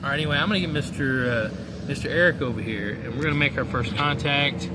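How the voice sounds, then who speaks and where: With loud music and other noise in the background, a man speaks quickly in a medium-pitched voice, giving a casual, meandering, folksy explanation. He's a ham radio hobbyist who mentors others, talking vlog-style.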